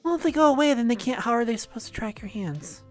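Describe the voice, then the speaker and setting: Chatty woman streamer with a lively voice. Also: a little high, fast talker, soft background music. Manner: chatty, laughs often. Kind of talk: casual chat.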